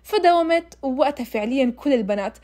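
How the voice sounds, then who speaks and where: A woman's voice: high-pitched, lively intonation, fast, darkish tone. A young woman telling her own story in a casual, emotional way, speaking straight to her listeners. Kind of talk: casual first-person storytelling.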